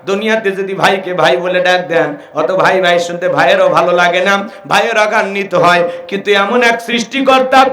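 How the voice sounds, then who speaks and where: Fiery, high, bright-voiced male preacher. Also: reverberant. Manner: fiery, shouting to crowd, call and response. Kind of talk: sermon. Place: outdoor religious gathering.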